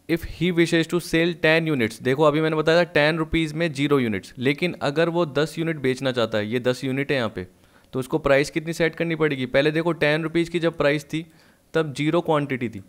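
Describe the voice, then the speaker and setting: Smooth-voiced man teaching a lesson. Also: medium pitch. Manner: explains step by step, reads English textbook lines slowly. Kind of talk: recorded online lesson.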